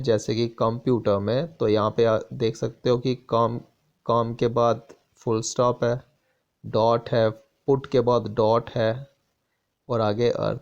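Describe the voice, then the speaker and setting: A male teacher with a mid-range voice works through an English textbook lesson. He reads each sentence slowly and with weight, then switches to quick Hindi explanations. He poses questions to himself and answers them in the same breath. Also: mid-range voice, darkish tone. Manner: asks and answers his own questions.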